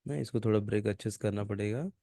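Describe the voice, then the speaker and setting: A man leading an online Gita reading class, who explains in a casual way and often ends his sentences with little tags and hums, then chants the verses slowly and carefully. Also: on the low side, creaky, dark tone, no room sound, studio quality. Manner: fillers like "na" and "hmm" at the ends of sentences. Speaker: reading group leader. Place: home video call. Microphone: video call mic.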